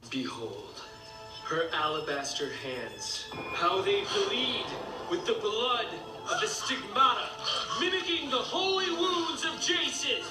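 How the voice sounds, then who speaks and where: An actor playing a grandiose, declaiming orator in a TV drama. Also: male voice, high voice, sing-song, slow, reverberant, distant mic, full character voice, poor audio. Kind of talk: TV drama acting. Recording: TV audio heard from afar with loud music.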